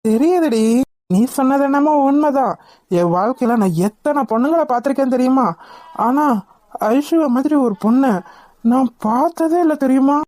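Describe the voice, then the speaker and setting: A woman's voice: high-pitched, normal speed, dark tone, natural voice. A woman with a Tamil accent voicing a vain, boastful young groom in a cartoon.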